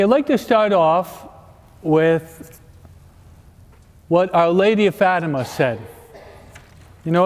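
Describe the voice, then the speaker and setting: A man giving a parish talk as a priest, mixing jokes with teaching and often checking in with his audience. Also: high-pitched. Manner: joking, keeps checking the audience with questions. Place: large church. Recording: echoey church with long reverb.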